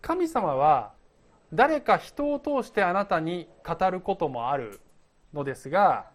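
A man giving a relaxed, conversational sermon as pastor. He tells stories from his own life and often laughs at himself. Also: high voice, measured pace.

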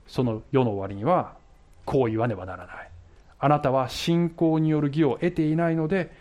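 A male pastor giving a sermon who tells a funny personal story with laughter. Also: a little high. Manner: animated, laughs while telling stories.

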